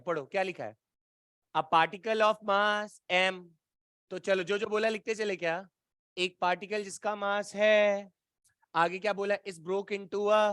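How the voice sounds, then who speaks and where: Man, physics teacher, from Bihar, live classroom lecture, high voice, teasing and chatty, dry close sound. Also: sharp tone, dry recording. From Bihar, India. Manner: chatty, teasing, quizzes students constantly.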